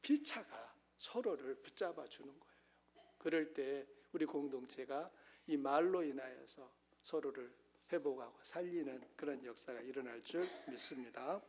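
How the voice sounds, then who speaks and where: A man preaching a Sunday sermon as pastor, earnest, swinging between emphatic rises and soft low asides. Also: normal speed, slight background noise.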